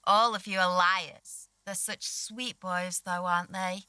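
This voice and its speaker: Dreamy secretive painter from a game, slow, bright, teasing. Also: female voice, lowish voice, steady tone, clean tone, no echo, poor audio. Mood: fond, teasing. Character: wistful, secretive woman mural painter. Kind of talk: video game voice acting.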